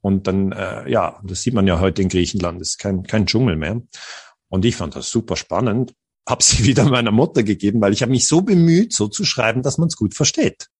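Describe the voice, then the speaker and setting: A man from Switzerland, telling personal stories as an interview guest in an earnest way, often pausing to search for words. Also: fairly low pitch, lively intonation, a little mellow, slightly rough, dry recording, clean studio sound. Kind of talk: reflective personal storytelling.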